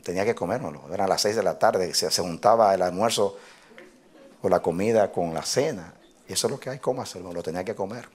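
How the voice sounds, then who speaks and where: Low-voiced and brisk, a pastor relates a personal story in his sermon, full of animation and frequent laughter that climbs to loud exclamations.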